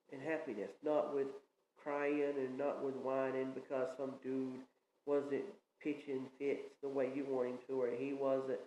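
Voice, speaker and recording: A Southern US pastor in his thirties preaches an informal message, earnest, rambling, and plain-spoken. His medium-pitched voice is mellow, though the audio is dull with slight background noise. The room is echoey with faint ambience.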